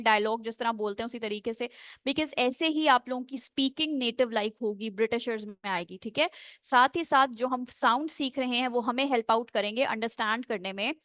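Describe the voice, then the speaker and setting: A woman teaching English pronunciation in an online class, switching between Hindi and English, drawing out model phrases slowly and checking in with students often. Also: on the high side, a bit bright, dry recording, studio quality. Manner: slow, drawn-out model phrases, with frequent check-ins. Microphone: computer mic on a screen-shared video call.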